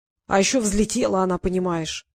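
A woman reading the part of a suspicious, sharp-tongued teenage boy in an audiobook, cold and mocking in manner. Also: mid-range voice, a little fast, vocal fry, natural voice.

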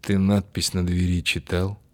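A man playing a sullen male voice behind a wall, speaking low and slow. Every question comes out terse and heavy. It is a storybook figure with a dark edge. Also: little pitch movement. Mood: gloomy. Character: gloomy hidden male gatekeeper voice.

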